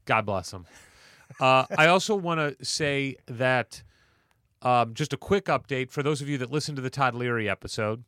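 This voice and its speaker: A middle-aged man co-hosting a casual podcast, telling stories in a relaxed way. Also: medium pitch, normal speed, no echo, clean studio sound. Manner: storytelling, relaxed. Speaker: podcast co-host.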